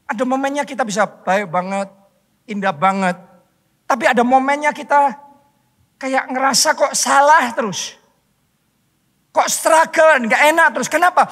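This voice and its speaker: A male pastor from Indonesia preaching a sermon, stressing points loudly and then dropping to soft, drawn-out words. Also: very high-pitched. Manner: emphatic, swings between loud stress and soft drawn-out words. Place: church hall. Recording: long hall reverb.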